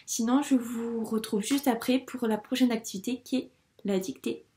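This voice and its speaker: Woman teacher for small children, higher voice, patient and encouraging, recorded in a roomy echo. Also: steady tone, moderate pace, warm tone. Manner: patient, encouraging, spells out each step. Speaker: primary school teacher. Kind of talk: lesson for young children. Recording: echoey room.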